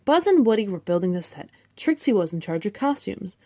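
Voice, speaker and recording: A woman reading a storybook aloud to her children, animated and expressive. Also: medium pitch, a little fast, no room sound. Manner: animated, expressive, asides to listeners.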